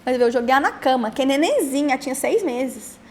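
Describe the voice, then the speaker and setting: A young Brazilian woman telling her own story in a halting way, repeating words and trailing off. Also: high-pitched, lively intonation, darkish tone, a little hiss or hum. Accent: Brazilian Portuguese. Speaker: podcast host interviewed as guest. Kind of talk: emotional personal testimony.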